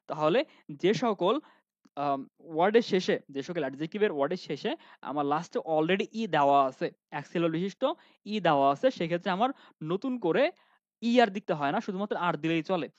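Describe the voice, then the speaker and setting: A man's voice: a little high, lively intonation, normal speed, no room sound. Guy teaching grammar online, keeps asking then answering himself, lots of ums, dull dry audio. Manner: asks students questions and answers them himself, with frequent fillers.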